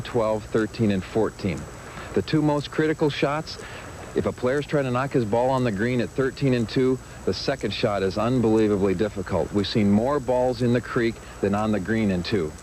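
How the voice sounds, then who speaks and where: A man's voice: medium pitch, darkish tone, rough recording. A man working as a golf analyst, explaining the course and the play in plain-spoken, conversational sports commentary. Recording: clear outdoor background noise.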